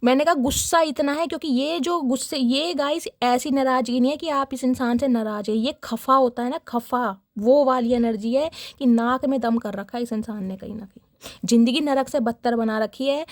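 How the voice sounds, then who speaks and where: Young female tarot reader, high voice, dramatic and chatty with viewers, dry close recording. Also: dry recording. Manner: dramatic, chatty, laughs often, addresses viewers as guys. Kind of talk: casual tarot reading chat.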